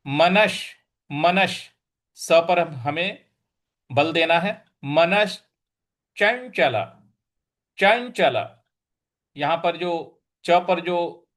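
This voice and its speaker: High-pitched guy teaching a verse class, slow and patient, says each word over and over. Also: lively intonation, fairly bright tone. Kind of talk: slow recitation and pronunciation lesson.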